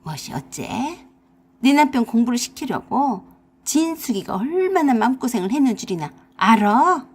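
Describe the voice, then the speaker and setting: A woman's voice: on the high side, very animated, moderate pace, slightly rough. A woman voicing a bossy, scolding older mother-in-law with an in a radio drama. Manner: harsh, nagging, scolding.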